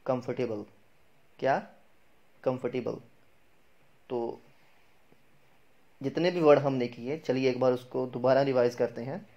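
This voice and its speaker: A man's voice: medium pitch, fairly even intonation, dark tone, muffled recording. Man teaching pronunciation step by step. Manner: repeats words slowly, asks and answers own questions. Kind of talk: explanatory video lesson.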